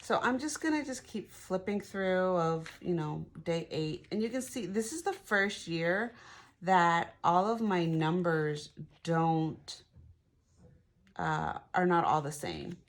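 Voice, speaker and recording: A woman's voice: on the low side, lively intonation, slow. A middle-aged woman talking casually through her craft project at home, thinking aloud with plenty of fillers. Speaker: craft vlogger.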